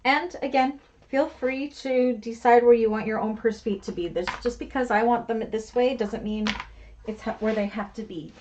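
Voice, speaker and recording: A fairly high-voiced woman leads a live sewing class, chatting easily and muttering to herself as her hands stay busy. The sound is a bit dull and lo-fi, with a faint hiss underneath. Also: moderate pace, darkish tone. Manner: chatty, self-deprecating, talks to herself while working. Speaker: bag-making instructor. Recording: slightly dull lo-fi with faint noise.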